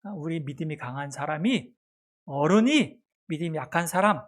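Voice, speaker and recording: A man's voice: a little high, lively intonation, moderate pace. A man preaching a sermon as pastor of a church, asking the congregation questions and answering them himself. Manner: acts out a mother's soft baby talk. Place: church sanctuary.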